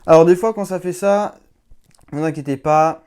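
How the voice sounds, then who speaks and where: A young man casually demonstrating a gadget, chatty and hands-on, with the odd swear, sounding out English voice commands slowly and with effort. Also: on the high side, darkish tone, clean tone. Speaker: YouTuber reviewing a collectible. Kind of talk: casual product demo.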